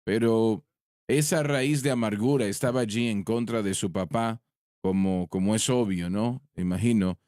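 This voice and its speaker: A man, a preacher on a ministry panel, telling a story in a slow, deliberate way, with pauses and restarts. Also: on the low side, darkish tone, dry recording, clean studio sound. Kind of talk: sermon-style storytelling in a panel discussion.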